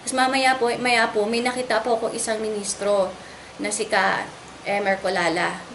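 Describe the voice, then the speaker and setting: A young adult woman giving an emotional first-person testimony in an interview. She speaks earnestly and politely, and she re-enacts her own frightened shouts as she tells the story. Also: mid-range voice, level tone, moderate pace. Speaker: interviewee recounting a raid on her home. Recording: roomy echo with faint background noise.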